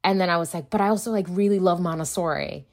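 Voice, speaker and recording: In a fast, fairly low voice, a native Akan-speaking woman recounts her story as a school founder during a casual interview, voicing the dialogue herself along the way.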